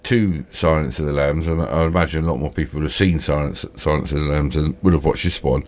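A British man with toothless, slightly slurred speech, hosting a casual film chat in a halting, repetitive, rambling way. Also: extremely low pitch, fairly even intonation, darkish tone. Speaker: film discussion host.

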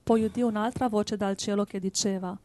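A woman reading Bible verses aloud in a quiet, steady voice. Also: mid-range voice, fairly quick. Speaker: scripture reader.

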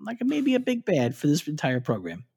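A man with a somewhat high voice talks through a TV episode in casual podcast chat. He rambles, circling back with fillers and restarts as he recaps. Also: huge pitch swings, moderate pace, gravelly, darkish tone, husky. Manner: chatty, lots of filler words and restarts.

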